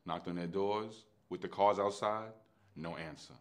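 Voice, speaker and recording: A middle-aged man, an actor telling his own story in a lively way. He acts out the dialogue in street slang and swings between hushed and loud delivery. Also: low-pitched, measured pace. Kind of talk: animated anecdotal storytelling.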